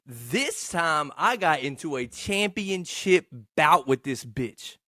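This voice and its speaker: A man's voice: fairly high pitch, animated, takes it slowly, pushed and bright, no room sound, clean studio sound. A man, hosting a casual, rambling solo podcast in a profane, slangy, boastful yet self-deprecating way. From Texarkana, United States. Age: 20s. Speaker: podcast host.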